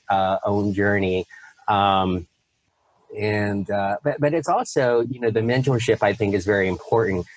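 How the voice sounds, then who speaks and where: A man hosting an interview over a video call, chatting casually, laughing often and talking in a lively way with plenty of fillers. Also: mid-range voice, no echo, poor audio. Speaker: host.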